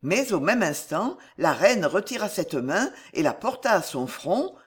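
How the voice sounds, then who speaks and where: Slow, expressive audiobook narrator. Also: mid-range voice, breathy edge. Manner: measured, expressive. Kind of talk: scripted narration of a historical novel.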